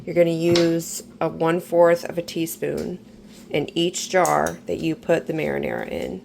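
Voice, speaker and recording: A woman getting over an illness, talking through a kitchen canning tutorial in a relaxed, instructive way and repeating reminders. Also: sits low, normal speed, vocal fry, noisy background. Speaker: home canning vlogger. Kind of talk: casual step-by-step kitchen tutorial. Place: home kitchen.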